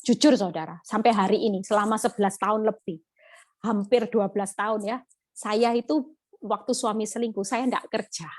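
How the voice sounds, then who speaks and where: A woman's voice: mid-range voice, normal speed, darkish tone. A woman preacher, giving a dramatic testimony sermon and acting out prayers. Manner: dramatic, acts out prayers and God's replies, ends phrases with "Saudara". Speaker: woman preacher at a ladies' fellowship.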